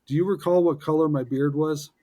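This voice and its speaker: This man, in his forties, co-hosts a podcast and teases his co-host with good-humored jokes, chatting casually and cheerfully with many fillers and restarts. His voice is warm and fairly high, with fairly even intonation, and he talks fairly quickly.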